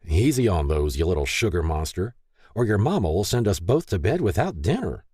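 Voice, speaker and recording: A man's voice: deep voice, very animated, fairly quick, darkish tone, breathy edge, no room sound, studio quality, full character voice. A man voicing a frustrated, stubborn unemployed man who talks in an exasperated way. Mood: weary. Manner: exasperated, flustered talk.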